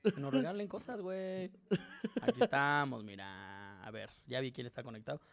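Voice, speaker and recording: A man's voice: mid-range voice, moderate pace, vocal fry. A Mexican man hosting a live stream, teasing, swearing and laughing in casual banter. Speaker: host.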